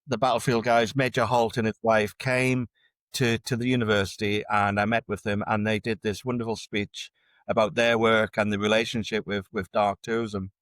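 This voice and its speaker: A man's voice: fairly low pitch, little pitch movement, moderate pace, fairly bright tone, dry recording. A man being interviewed as a researcher, explaining ideas in a conversational academic way and often repeating words as he restarts. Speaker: dark tourism researcher, guest.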